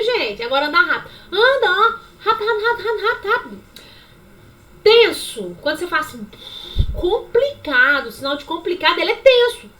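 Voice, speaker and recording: A woman teaching a sign language lesson online, demonstrating with lively, repeated examples. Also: high voice. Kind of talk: online lecture. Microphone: webcam.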